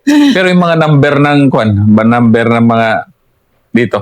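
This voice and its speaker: A man with a Filipino accent conducts a casual interview at a middle pitch. He keeps things moving with quiet "hmm" sounds and brief follow-up questions. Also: lively intonation, measured pace. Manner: prompts with short murmured "hmm" and follow-up questions.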